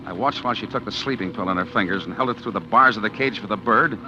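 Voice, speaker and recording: In a 1940s radio drama, an actor plays a desperate, scheming man narrating his own story as the lead character, sounding tense. His lowish voice moves quickly and is close to an everyday voice, with music behind it. The old broadcast recording is dull and hissy.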